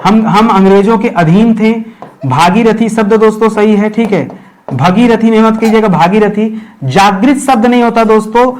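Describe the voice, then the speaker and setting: Male teacher, high voice, video lesson, repeats words, asks rhetorical questions, checks in with viewers. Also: normal speed, darkish tone. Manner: keeps addressing viewers as friends; ends phrases with a checking "theek hai". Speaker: Hindi grammar teacher. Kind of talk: exam-prep video lesson.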